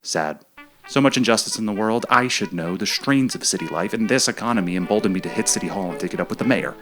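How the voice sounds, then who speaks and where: A man's voice: on the low side, fast talker, a bit bright, faint music behind. A man narrating his own documentary in a dry, wry, mock-serious voiceover.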